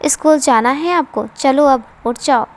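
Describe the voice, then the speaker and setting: Woman doing young mother, soft, pleading, high-pitched, storybook reading. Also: unhurried. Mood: gentle. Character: young woman bride, later a worried mother.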